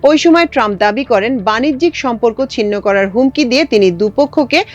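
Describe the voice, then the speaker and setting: A woman presenting international news, reading a script in a measured, formal way. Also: a little high, lively intonation, dull audio. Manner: measured formal newsreader delivery.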